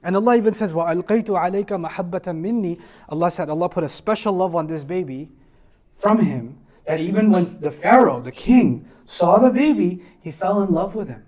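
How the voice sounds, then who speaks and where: Animated man telling a story to kids. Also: high voice, moderate pace. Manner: animated, asks the kids questions. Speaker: teacher of children. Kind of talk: lively storytelling to children.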